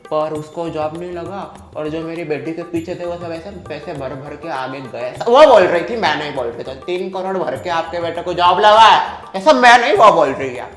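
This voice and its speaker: A man's voice: fairly high pitch, normal speed, few pauses, a bit bright, close to an everyday voice. A man playing a gossiping middle-aged neighbor woman who passes on rumors and then denies saying them, in a comedy sketch. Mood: gossipy. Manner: gossipy, defensive, drops voice when quoting others. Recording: echoey room, faint music.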